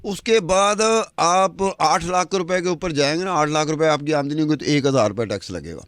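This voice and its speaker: A man's voice: on the high side, fairly bright tone, no room sound. A man, a podcast commentator talking across from a woman anchor, stacking up rhetorical questions in an argumentative way.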